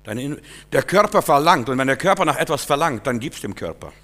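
A man preaching a sermon, urging listeners directly and repeating phrases, swinging between loud emphatic bursts and quiet asides. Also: mid-range voice, lively intonation, fairly quick.

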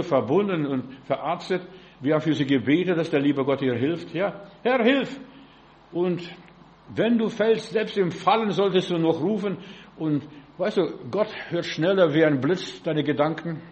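A man's voice: fairly high pitch, darkish tone, dull audio. Fervent preacher man. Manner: fervent, addresses listener directly with frequent rhetorical questions. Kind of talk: informal sermon.

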